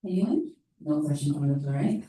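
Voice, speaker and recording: A woman's voice: low-pitched, moderate pace, mellow, slight background noise. A woman with a Malaysian accent speaks as the emcee of an event, addressing the room. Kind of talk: event hosting and informal explanation. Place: meeting room. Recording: very echoey room, distant microphone.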